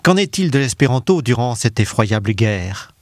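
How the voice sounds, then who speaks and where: A man's voice: mid-range voice, sing-song, normal speed, no room sound. A man hosting a radio language course, announcing segments and asking his guests questions. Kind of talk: scripted radio presenting.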